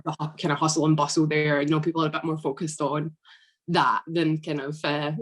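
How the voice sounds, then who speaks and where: Low-voiced Scottish woman, chatty. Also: brisk. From Scotland. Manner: chatty, relaxed, frequent fillers. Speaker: podcast guest. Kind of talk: casual interview.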